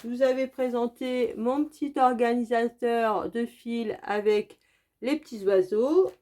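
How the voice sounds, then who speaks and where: A woman's voice: on the high side, a little slow, mellow. A woman from France narrating a casual craft unboxing as host of her channel, chatty and repetitive, with many fillers. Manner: chatty, repeats "donc" and "très, très" often.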